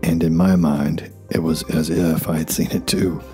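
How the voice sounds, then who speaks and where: A man's voice: extremely low pitch, little pitch movement, normal speed, mellow. A man in his forties reading scripted documentary narration with wry, self-deprecating asides. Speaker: YouTube narrator. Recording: faint music behind voice. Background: faint music.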